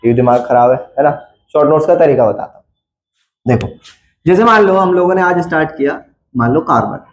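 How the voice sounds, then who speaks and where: Male chemistry teacher, blunt and scolding, slightly high voice, echoey classroom. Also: darkish tone. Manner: blunt, scolding, addresses students casually. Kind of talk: classroom lecture. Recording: echoey room.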